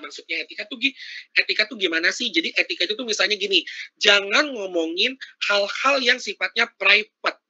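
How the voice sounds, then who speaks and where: Chatty high-voiced man giving a workshop. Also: highs cut off. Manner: chatty, animated, keeps asking the audience questions. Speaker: workshop speaker. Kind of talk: casual interactive lecture.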